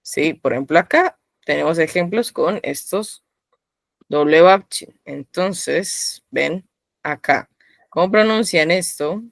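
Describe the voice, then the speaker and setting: A woman leads a live online language lesson in a low, unhurried voice. She calls on students by name and corrects them patiently. Her voice sounds dry and close, with no room echo. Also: lively intonation, gravelly. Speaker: Korean teacher.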